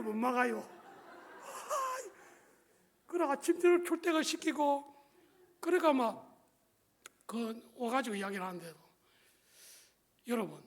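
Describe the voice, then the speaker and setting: A middle-aged male pastor with a Gyeongsang Korean accent, telling a personal story in a sermon with colloquial, joking asides to the congregation. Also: very high voice.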